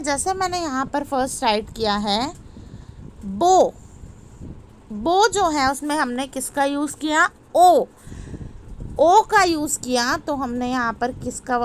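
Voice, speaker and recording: An Indian woman teaching a class in a bright, high voice. She speaks slowly and patiently, poses questions and answers them herself, over a faint background hum. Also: poor audio. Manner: slow and explanatory, repeating questions to students. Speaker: English teacher. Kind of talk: classroom lesson in Hindi-English mix.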